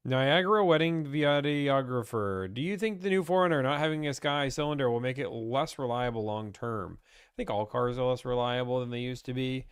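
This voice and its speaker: A man's voice: mid-range voice, moderate pace, clean tone, dry recording, clean studio sound. A young man from Pittsburgh, chatting casually as he reads and answers viewer questions about car buying on a live stream.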